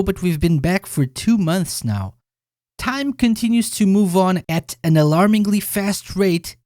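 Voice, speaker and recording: Upbeat podcast host, lively pitch. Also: male voice, no echo, clean studio sound. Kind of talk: scripted intro then casual interview chat.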